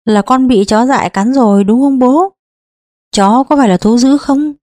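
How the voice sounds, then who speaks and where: A woman's voice: on the high side, moderate pace, darkish tone, dry recording, clean studio sound, voice pushed up, close to an everyday voice. A woman reading an audiobook, voicing a frightened young girl who pleads anxiously with her father. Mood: frightened pleading.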